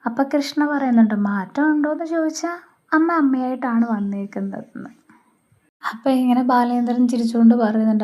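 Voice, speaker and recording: A woman's voice: on the high side, lo-fi sound. A woman with a Malayali accent retelling a TV serial episode in a casual, chatty way, voicing the characters' lines herself. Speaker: serial recap narrator.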